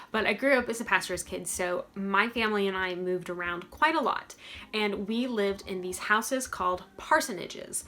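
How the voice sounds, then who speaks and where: A woman in her thirties telling spooky personal stories as a casual vlogger, with animated emphasis and dramatic pauses. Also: medium pitch. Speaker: storytelling vlogger.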